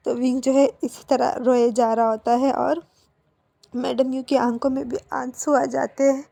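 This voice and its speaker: A woman's voice: sits high, level tone, measured pace, gravelly, warm tone, no echo. A woman casually narrating a fan-fiction story, informal and emotional. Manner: emotional, informal, repeats fillers.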